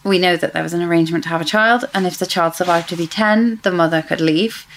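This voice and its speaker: A woman's voice: lowish voice, fast talker, slight background noise, rough recording. A woman co-hosting a casual book discussion, chatty and speculative, often correcting herself mid-sentence. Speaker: podcast co-host.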